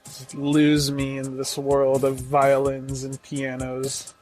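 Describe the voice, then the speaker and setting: A man's voice: medium pitch, completely flat delivery, takes it slowly, darkish tone, soft background music. A man co-hosting a podcast, chatting casually in an enthusiastic, profane, rambling way with lots of fillers. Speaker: podcast co-host. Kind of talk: casual chat.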